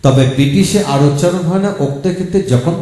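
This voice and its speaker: Male teacher, slightly high, mellow voice, patient step-by-step lecture style. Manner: explains step by step, repeating example words slowly. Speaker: English teacher. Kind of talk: video lecture. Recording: very echoey room.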